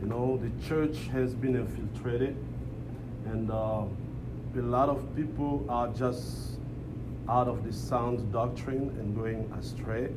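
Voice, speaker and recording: In a noisy live church room, a man from Congo leads preaching and prayer in accented English, which is not his first language, calling for amens and repeating phrases. The visiting pastor speaks slowly in a mid-range voice with fairly even intonation.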